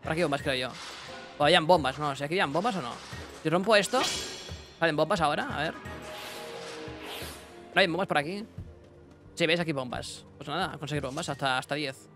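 A young man giving casual let's-play commentary, excitable, talking to himself and his chat with bursts of yelps. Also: on the high side, brisk, long pauses, music in the background. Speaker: gaming streamer.

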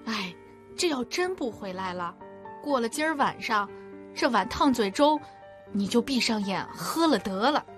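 An actress playing a sharp-tongued middle-aged wife in an audiobook drama, quick to retort. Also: female voice, fairly high pitch, animated, faint music behind. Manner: retorting, snappish. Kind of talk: audiobook radio-drama acting.

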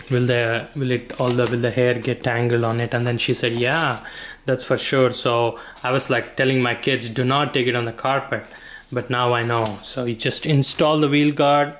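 A man giving a casual hands-on product demonstration, halting and informal as he thinks aloud. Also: medium pitch, a little hiss or hum. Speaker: product reviewer. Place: indoor room with wooden floor.

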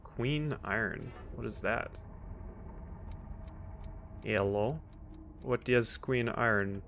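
A man with a lowish, slightly bright voice hosts a let's play, delivering relaxed, wry remarks, teasing the characters and reading the game's text aloud. Faint video game sounds are audible behind him.

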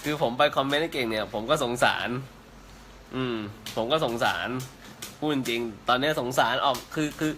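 A man hosting a live stream, ranting crudely with calm stretches between outbursts. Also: mid-range voice, moderate pace, slight background noise. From Thailand. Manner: crude, shouting insults with laughter. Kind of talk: profane live-stream rant.

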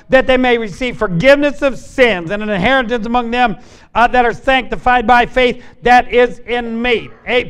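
Captured by a fixed camera in the pews, an older American man delivers a folksy revival sermon in a small church's sanctuary, standing at the pulpit. This evangelist has a smooth voice, tells stories, jokes with the congregation and shouts at the high points.

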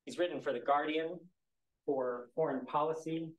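A man's voice: a little high, steady tone, normal speed, muffled recording. Man introducing a panel in an echoey hall. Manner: reads bios with light asides and self-deprecating humor. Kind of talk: formal speaker introductions at a university panel. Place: university lecture hall.

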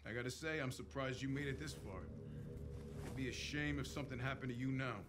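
A man's voice: medium pitch, fairly even intonation, a little fast, natural voice. Actor as a mock-friendly, threatening man, noisy recording. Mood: mock-friendly threat. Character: menacing man toying with his captive. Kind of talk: video game cutscene acting. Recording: very noisy game audio.

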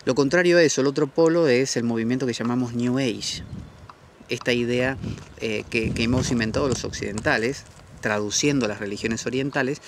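A man giving a thoughtful, reflective spoken talk, pausing often and restarting his sentences. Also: medium pitch, background noise. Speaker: host. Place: outdoors at a monastery retreat.

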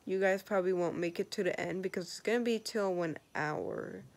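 A woman's voice: fairly low pitch, a little fast, a little mellow. A woman filming a rambling, chatty vlog update in her bedroom at home, with the hiccups. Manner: rambling, chatty, lots of fillers. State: has the hiccups. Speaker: vlogger.

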